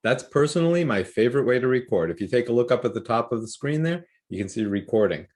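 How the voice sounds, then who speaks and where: A man leads an online training session over a video call. He explains things casually and with upbeat enthusiasm, at an ordinary mid pitch. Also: animated, fast, a little mellow. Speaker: workshop host. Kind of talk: casual instructional talk.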